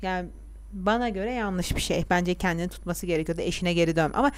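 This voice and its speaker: A woman's voice: lowish voice, fast talker, a little hiss or hum. A young woman in casual, opinionated chat about a TV series, talking at length and sometimes drawing her words out.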